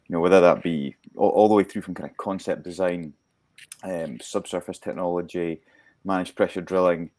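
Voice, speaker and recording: A man with a very deep voice speaking as a guest performance coach. He answers eagerly, often repeating a word or two as he builds his point. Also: darkish tone. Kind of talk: interview answers.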